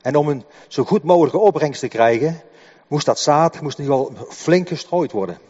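An older man giving a sermon in a halting way, often repeating words as he explains. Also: fairly high pitch, animated, darkish tone, breathy edge. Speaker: preacher. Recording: dull echoing hall recording.

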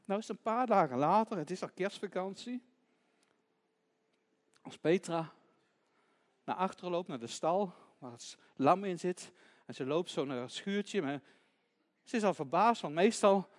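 A man gently narrating a children's Bible story, dropping to a hush at tense moments. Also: sits high.

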